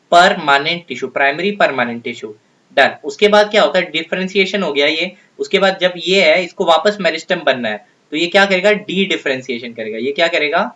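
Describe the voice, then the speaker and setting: A man's voice: a little high, fairly bright tone. A man teaching biology, walking through exam questions in a mix of Hindi and English and quizzing students with repeated questions. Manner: reads questions slowly, mixing Hindi and English. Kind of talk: exam solution walkthrough. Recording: dull lo-fi sound.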